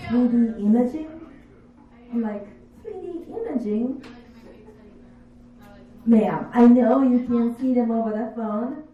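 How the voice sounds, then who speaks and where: A woman in her fifties, not a native English speaker, doing a stand-up comedy set with slow, deadpan, self-mocking delivery. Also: a little high. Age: 50s. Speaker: stand-up comic. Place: comedy bar stage. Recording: echoey bar room, distant dull mic.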